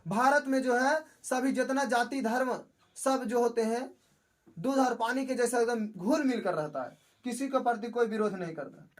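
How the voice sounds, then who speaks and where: A young male tutor speaks in a very high voice. He drills exam facts by asking questions and answering them himself. The delivery is repetitive and plain, aimed at students cramming for tests. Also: normal speed. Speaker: teacher. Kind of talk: exam-prep lesson.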